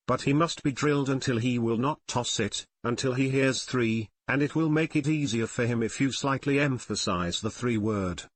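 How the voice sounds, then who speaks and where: A man reading scripted step-by-step instructions in a steady, instructional narration. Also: mid-range voice, no echo. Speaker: narrator of dog training videos.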